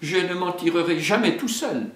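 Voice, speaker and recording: Un homme qui fait un gros ours vantard à la voix bourrue. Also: male voice, expressive, normal speed. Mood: worried bluster. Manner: gruff big voice, raised and pitched up. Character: big clumsy boastful male bear. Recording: echoey room.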